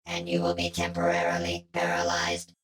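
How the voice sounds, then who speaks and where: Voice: sits low, completely flat delivery, normal speed, fairly bright tone, roomy sound. An actor voicing a stern android security guard who gives formal, clipped commands.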